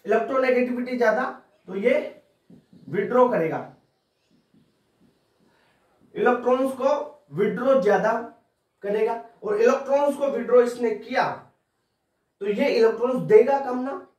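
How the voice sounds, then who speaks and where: A man teaches chemistry for an exam in an informal exam-prep lecture, repeating points again and again to drill them in. His voice sits high and is a little mellow, recorded with roomy classroom audio from a distant mic.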